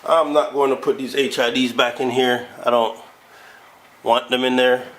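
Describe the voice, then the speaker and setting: A man with a stuffed-up nose from being sick, hosting a casual do-it-yourself car vlog. He talks in a slow, low-energy way and wings it as he goes. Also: level tone, a bit bright, poor audio. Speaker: car channel host.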